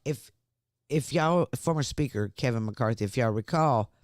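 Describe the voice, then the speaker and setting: A man's voice: medium pitch, normal speed, no echo, studio quality. A man, co-hosting a political talk podcast and reading news items aloud in a conversational way. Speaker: podcast co-host.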